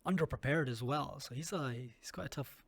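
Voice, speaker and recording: A man's voice: on the high side, fairly quick, creaky, husky, no room sound. Friendly Scottish man hosting. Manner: friendly, laughs easily, loose questions. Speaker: podcast host. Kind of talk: casual interview chat.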